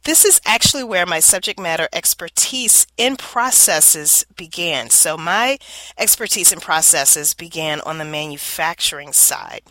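A woman from Louisiana hosts her solo podcast, explaining things in an upbeat way while sounding a little nasal and congested from allergies. Her lowish voice is animated, pushed and bright at a measured pace, in poor audio with no echo.

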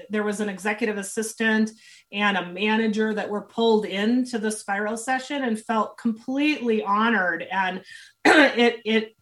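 A woman's voice: medium pitch, fairly bright tone. A woman consultant answering interview questions in an earnest, thinking-aloud way, full of fillers and restarts, while she is losing her voice. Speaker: leadership and team consultant, guest.

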